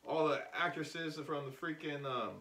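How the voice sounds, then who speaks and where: A man's voice: a little high, fairly even intonation, moderate pace, sharp tone. A man co-hosting a podcast in casual chat, rambling and joking with filler words. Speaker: podcast co-host. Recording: echoey room, mic at a distance.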